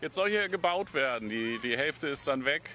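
A man's voice: medium pitch, animated, moderate pace, pushed and bright, a little hiss or hum. A male reporter asking short questions outdoors in a street interview. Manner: short prompts and backchannels.

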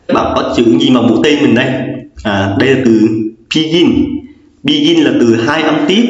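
A man teaching an English grammar lesson, explaining patiently and repeating each rule with frequent fillers. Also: medium pitch. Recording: echoey lo-fi room recording.

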